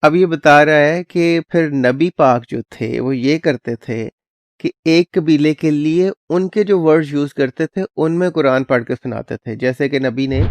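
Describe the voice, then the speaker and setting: A man hosting his channel gives casual, conversational commentary on a clip, dropping in English words as he goes. His voice is medium in pitch, recorded with no echo.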